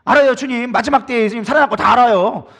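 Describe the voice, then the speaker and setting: A man's voice: on the high side, very animated, a little fast, breathy edge, voice pushed down, full character voice. A male pastor acting out a sulking, grieving woman who reproaches Jesus in a whining tone. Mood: sulky reproach.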